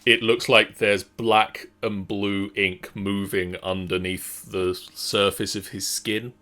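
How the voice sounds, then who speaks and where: A man narrating a tabletop game casually as game master, describing things in halting, measured phrases. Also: fairly low pitch, flat delivery, pushed and bright.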